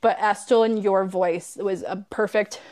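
A woman's voice: medium pitch, fairly even intonation, measured pace, a little mellow. Enthusiastic woman podcast host. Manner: enthusiastic, filler-heavy "like". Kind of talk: casual interview chat.

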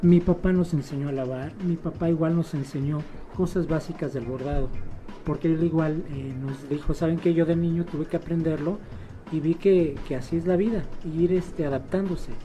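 A man chats casually, his voice dark and mellow. He tells family stories in an animated way, slipping into lively voices when he quotes relatives. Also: on the high side, normal speed, soft background music. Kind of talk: casual conversation.

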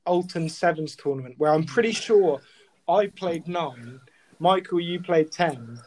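A man's voice: on the high side, unhurried, a little mellow, a little hiss or hum, poor audio. A young man chatting on a podcast, telling stories in a friendly, chuckling way. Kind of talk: casual chat.

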